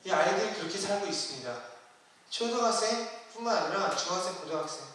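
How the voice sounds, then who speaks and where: A man's voice: high voice, lively intonation, quick pace, fairly bright tone. A man preaching a sermon to his church in a conversational way, asking the congregation questions. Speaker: youth ministry preacher. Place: church sanctuary. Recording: roomy hall, distant mic.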